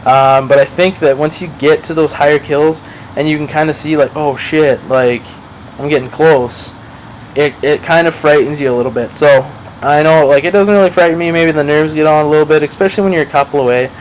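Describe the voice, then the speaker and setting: A man's voice: a little high, fairly quick, slight background noise, low-quality recording. A man giving casual gameplay commentary over a match, rambling, swearing freely and playing himself down. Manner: rambling, profane, self-deprecating. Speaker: gaming commentator.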